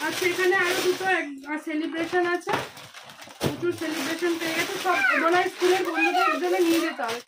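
A very high-pitched woman, out of breath, chats with her viewers in a casual home unboxing vlog. The home recording carries clear background noise. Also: expressive, fast. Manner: chatty, addressing viewers directly. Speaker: vlogger and mother. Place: home, indoors.

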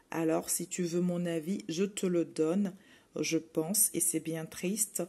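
A woman's voice: on the low side, dark tone. A woman doing a sad old cow. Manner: sighing, mournful.

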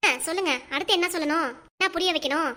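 A woman's voice: very high-pitched, fast, pushed and bright. A woman voicing a scheming, bossy young wife in a cartoon comedy, with a southern Tamil Nadu accent and a scornful, taunting manner. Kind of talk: cartoon comedy sketch acting.

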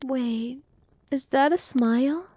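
A voice actress plays a cheerful, friendly young vampire girl who has just been turned, in an ASMR roleplay. Her high voice is mellow and warm, slow and soft and reassuring, with occasional playful whispers. She is close to the mic in a dry room with no room sound.

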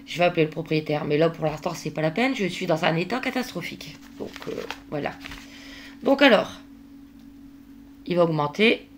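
A woman's voice: deep voice, fast talker, few pauses, slight background noise. A woman talking casually in a daily vlog, exasperated and worn out, venting with lots of fillers. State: worn out, at the end of her tether. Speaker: vlogger.

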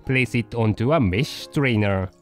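A man voicing a poodle dog who hosts a cooking show, narrating a recipe in slow, deliberate steps. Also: mid-range voice, faint music behind, lightly acted, rough recording. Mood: patient. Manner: slow, deliberate step-by-step instructions.

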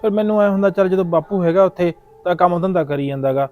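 A man's voice: sits high, quick pace, lo-fi sound, soft background music, close to an everyday voice. A man playing a scheming Punjabi farmhand. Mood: friendly. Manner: muttering asides to himself. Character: scheming young male farmhand with lustful designs. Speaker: hired farm worker.

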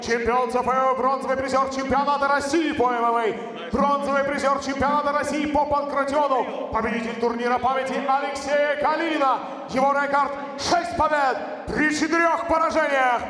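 A man giving a booming stage introduction as ring announcer, loud and projected, drawing out names. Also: steady tone, moderate pace, far from the mic. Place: large indoor arena, in the cage. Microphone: handheld microphone through PA. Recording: echoey arena PA heard from afar.

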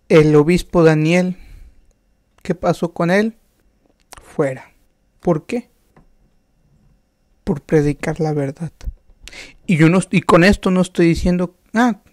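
Man preaching, slow deliberate sermon, slightly high voice, dry close sound. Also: a little mellow, no echo. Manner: slow, emphatic preaching with restarts and rhetorical questions.

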